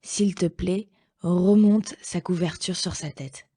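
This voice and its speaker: A woman reading a children's story aloud slowly and gently, with clear pacing. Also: on the low side, steady tone, no room sound, studio quality.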